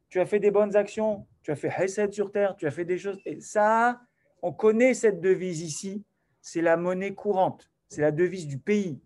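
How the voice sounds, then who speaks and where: A man giving an animated sermon to a class, swinging from loud to soft and acting out little dialogues. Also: high-pitched. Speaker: rabbi teaching a class.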